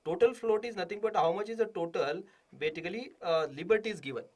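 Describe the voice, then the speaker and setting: A man's voice: sits high, fast, a little mellow. A man with an Indian accent teaching a live exam class, repeating key phrases with emphasis and answering his own questions. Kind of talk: live online lecture, solving exam questions.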